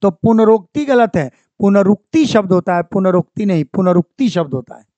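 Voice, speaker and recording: A man's voice: high-pitched, animated, fairly quick, mellow, no echo. A man teaching an exam-prep class, who repeats each word and keeps asking the class for answers. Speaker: Hindi grammar teacher. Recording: dry, dull lo-fi sound.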